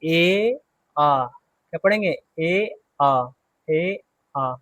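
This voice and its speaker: Slow-drilling male English teacher. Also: on the high side, expressive, a bit bright, no room sound. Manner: slow, repeats words and asks students to repeat; drills words one by one, quizzing the class. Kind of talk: classroom pronunciation lesson.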